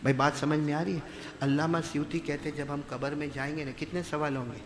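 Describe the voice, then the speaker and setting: A man preaching a sermon to a gathering, passionate, swinging between loud chanting and calm talk and calling on the crowd to answer back. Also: a little high, in a large hall, background noise.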